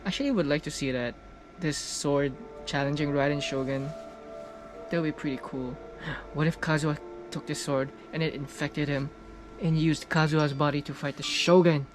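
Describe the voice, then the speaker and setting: A streamer offers casual reaction commentary while playing a video game, speaking at normal speed with a medium pitch and steady tone. Loud game music and dialogue play behind the voice.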